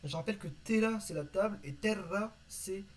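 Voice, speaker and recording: A man teaching vocabulary from an invented language in a casual lesson, reading word lists and pausing often with fillers. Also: sits high, poor audio. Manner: reads word lists, hesitant with many "euh". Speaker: conlang teacher.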